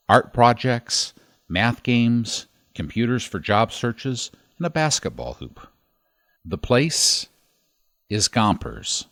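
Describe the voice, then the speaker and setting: A man hosting a podcast, narrating a story in a measured, scripted delivery. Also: lowish voice, fairly bright tone, no room sound, studio quality. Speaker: podcast host.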